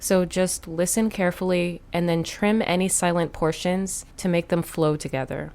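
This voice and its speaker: A woman hosting a step-by-step software tutorial, explaining each click in a plain, instructive way. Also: fairly low pitch, fairly even intonation, normal speed. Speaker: tutorial host.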